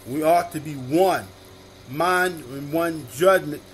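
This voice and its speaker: A man preaching at an unhurried, measured pace, repeating each chapter and verse before reading it. His voice sits a little high for a man. A faint background noise runs under the recording. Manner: repeats each verse reference slowly and deliberately. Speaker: minister. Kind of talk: slow sermon-style scripture reading.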